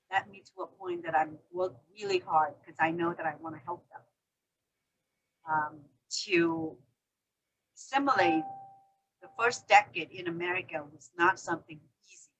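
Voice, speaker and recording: Woman host, middle-aged, lower voice, lively with fillers. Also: husky, lo-fi sound. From Vietnam. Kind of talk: hosting a conversation.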